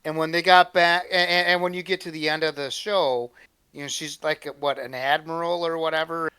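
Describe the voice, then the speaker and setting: A man co-hosting a casual chat who rambles and stops to restart often. His voice is smooth and fairly high, with a dry, close sound. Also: steady tone, pushed and bright, dry recording. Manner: halting, rambling. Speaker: co-host.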